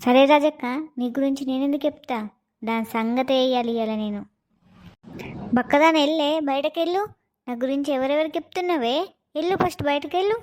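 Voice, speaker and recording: A woman's voice: high-pitched, a little mellow, lightly acted. A woman playing a feisty village woman who picks fights, in a comedy skit, with a Telangana Telugu accent and a taunting manner. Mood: combative. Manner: brash, quick, taunting.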